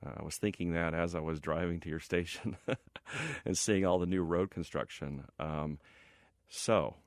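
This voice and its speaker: Deep-voiced middle-aged man, explanatory interviewee. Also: moderate pace, no room sound, clean studio sound. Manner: conciliatory, explanatory, thinking aloud. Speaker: property developer being interviewed. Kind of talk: conversational interview answers. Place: radio station studio.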